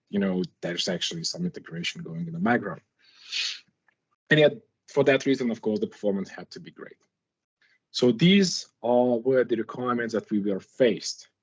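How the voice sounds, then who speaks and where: A man whose first language isn't English gives an informal, conversational technical presentation, posing rhetorical questions as he explains. His voice is mid-range and husky.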